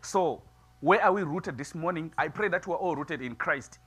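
A middle-aged man preaching a sermon in a small church, moving from quiet musing to loud, emphatic preaching. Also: on the high side, normal speed, breathy edge. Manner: builds from soft musing to loud preaching, gestures widely. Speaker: pastor. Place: small church sanctuary, seated before altar flowers.

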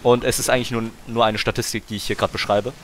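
Streaming a game, a young man talks fast in a medium-pitched, rather bright voice with little pitch movement. He's argumentative and slangy in casual chat, carrying on over interruptions.

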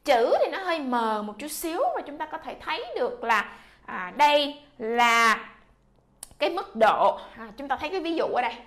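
Vietnamese lady teacher drilling english words, kinda high voice, repeats sounds a lot. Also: expressive, moderate pace, fairly bright tone. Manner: drills sounds with repetition, coaxing. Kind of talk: classroom pronunciation lesson.

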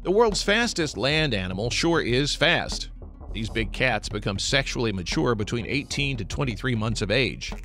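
A man's voice: medium pitch, fairly bright tone. A man narrating a scripted nature documentary. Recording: music behind the voice. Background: background music.

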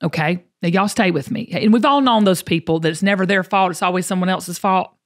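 Her voice sits on the low side and moves a little fast as she hosts a motivational podcast. A Southern US accent colors her emphatic, folksy delivery, and she repeats phrases to drive each point home.

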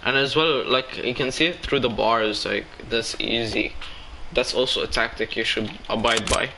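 A man commentating live as he plays a shooter game, excitable and talking to himself. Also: mid-range voice, moderate pace, noisy background. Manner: excitable, talks to himself while playing. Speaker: gaming streamer.

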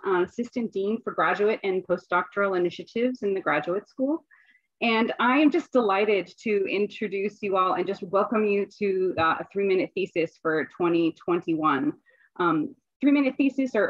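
A woman's voice: medium pitch, no room sound, dull audio. A woman and assistant dean hosting an online event in a chatty way, with fillers and restarts, over a video call.

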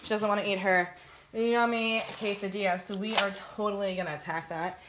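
A woman's voice: mid-range voice, fairly even intonation, a little fast, noisy background. A young woman vlogging in a casual, chatty way and explaining her workout sets. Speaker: fitness vlogger. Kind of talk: casual vlog narration.

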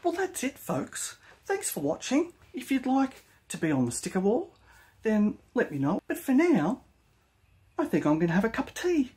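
A man's voice: very high-pitched, huge pitch swings, normal speed, a little mellow, slight background noise, pitched above the performer's own voice, full character voice. An Australian man doing an impression of a cheery fellow maker signing off a video. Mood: chirpy. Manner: upbeat, chirpy sign-off patter.

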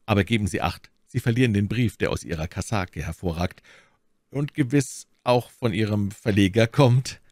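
A man's voice: fairly low pitch, normal speed, darkish tone, no echo, clean studio sound, lightly acted. A man voicing a bold, bantering young musketeer. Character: eager young hot-blooded male musketeer.

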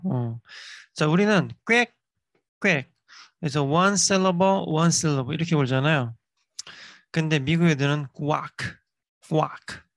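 A middle-aged man teaching English in a chatty lecture, repeating phrases slowly for learners. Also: fairly high pitch, no echo. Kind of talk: casual lecture.

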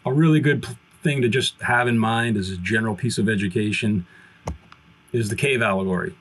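A man in his fifties, a philosophy professor on a video call from a room at home, retelling a classic story with lively hand gestures. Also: lowish voice, a little fast, slightly rough, low-quality recording. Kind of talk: explaining on a podcast. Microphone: webcam video call.

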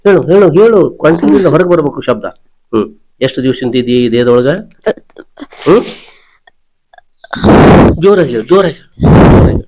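A man's voice: on the high side, animated, fairly quick, pauses often, mellow, low-quality recording. A man, a spirit healer who keeps repeating short, insistent questions and commands. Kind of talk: ritual interrogation.

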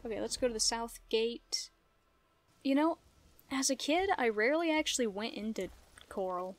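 This young gamer keeps up a playful, chatty running commentary full of giggly asides as she plays, game music behind her. Her fairly high voice has lively intonation and moves at a normal speed.

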